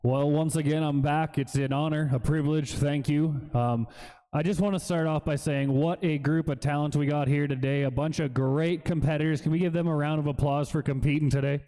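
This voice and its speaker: A man's voice: a little high, steady tone, fairly quick, warm tone. A male auctioneer giving formal opening remarks to an audience, heard at a distance in a reverberant space. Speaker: auctioneer competing in a championship. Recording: reverberant hall, distant sound.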